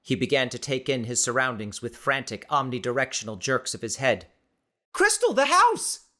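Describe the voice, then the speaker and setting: A male audiobook narrator with a medium-pitched voice reads scripted fiction. His delivery is measured and expressive, shaped by dramatic storytelling phrasing.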